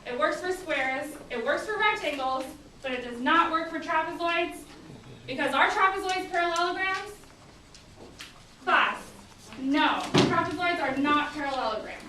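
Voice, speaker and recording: Woman, teacher to class, high-pitched, firm directive delivery, very reverberant classroom, distant microphone. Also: normal speed, pushed and bright. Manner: firm, directive, checking for responses. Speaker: geometry teacher. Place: indoor classroom. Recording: echoey classroom, distant mic, faint noise.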